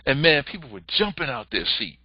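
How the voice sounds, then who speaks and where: Male host, casual motivational monologue, lively pitch, dry and slightly dull recording. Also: brisk, no room sound. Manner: animated, rises in pitch when quoting others. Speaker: host, entrepreneur coach.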